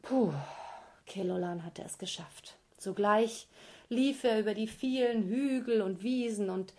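A woman storyteller reads a fairy tale aloud to children in a slow, unhurried way. She talks to her young listeners directly and keeps the telling lively. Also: mid-range voice.

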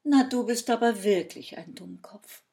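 A woman voicing an impatient fairy who scolds loudly in a high voice. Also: very animated, takes it slowly, whispered, full character voice. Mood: scolding. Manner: high, loud, reproachful.

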